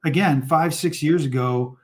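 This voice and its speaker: A man's voice: on the high side, measured pace. A man hosting an interview show, chatting enthusiastically and casually, with lots of fillers and restarts. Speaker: podcast host.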